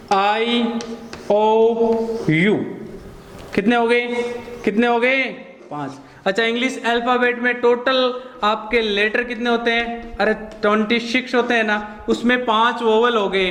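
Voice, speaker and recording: A man teaching an exam-prep class, asking his students questions and answering them himself with drawn-out repetition. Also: extremely high pitch, fairly bright tone, echoey room, a little hiss or hum.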